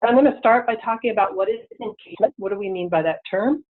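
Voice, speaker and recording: A woman giving a webinar lecture over a crackly phone line that fades in and out, speaking in a measured way with frequent ums and restarts. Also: medium pitch. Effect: crackly phone line, fading in and out. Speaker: invited presenter on a webinar. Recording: tinny phone-line audio.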